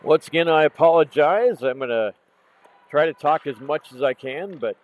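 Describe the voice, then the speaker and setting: A man calling a junior women's hockey game play by play, hoarse from losing his voice, calm and unhurried, correcting himself now and then. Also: fairly high pitch, low-quality recording. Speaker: play-by-play commentator. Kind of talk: live hockey commentary. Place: outdoor rink in cold weather.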